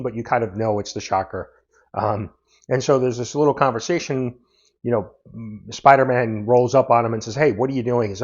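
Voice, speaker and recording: A man giving a casual comic book review, recapping the plot in a loose, meandering way. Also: medium pitch. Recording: dull lo-fi audio.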